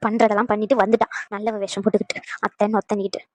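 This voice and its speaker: A woman voicing a sharp, sarcastic older mother-in-law for a cartoon. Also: mid-range voice, level tone, racing, no echo, pitched below the performer's own voice, natural voice. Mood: scolding. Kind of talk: cartoon voice acting.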